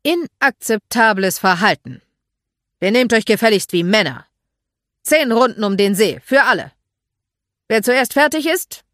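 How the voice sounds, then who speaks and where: A woman reading an audiobook, voicing a stern, brusque man who barks orders loudly. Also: lowish voice, sing-song, takes it slowly, gravelly, pauses often, no echo, clean studio sound, exaggerated voice. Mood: stern commanding. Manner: barking orders, clipped and loud.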